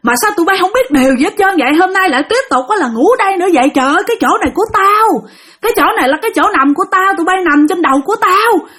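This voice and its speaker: Woman doing a shrill angry old soldier ghost. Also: very animated, brisk, fairly bright tone. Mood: furious scolding. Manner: scolding, shrill and tearful.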